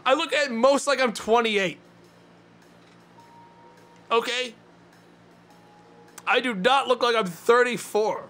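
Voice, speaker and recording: A man in his twenties talks casually to his stream chat from a small dim room. He rants with mock indignation and swears freely. His voice sits high and bright, with faint music underneath. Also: slow pace, pauses often. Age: 20s.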